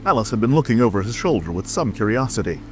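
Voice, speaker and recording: Male audiobook narrator: low pitch, scripted storytelling, music bed. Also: very animated, quick pace.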